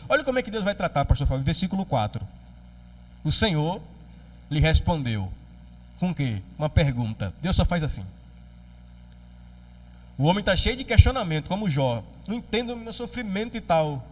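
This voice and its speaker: A man with a Brazilian Portuguese accent preaching a sermon as pastor, lively and joking, acting out quoted voices. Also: a little high, far from the mic.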